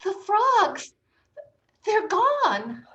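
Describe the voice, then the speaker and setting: A woman voicing a flustered, fussy wife who speaks in a high, fluttery voice during an improvised comedy scene. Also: very animated, drawn-out words, pushed and bright, dull audio, full character voice.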